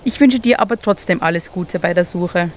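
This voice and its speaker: A woman voicing a wise, calm male owl who gently gives advice in a told animal story. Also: on the low side, normal speed, slight background noise, lightly acted. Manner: gentle, advising.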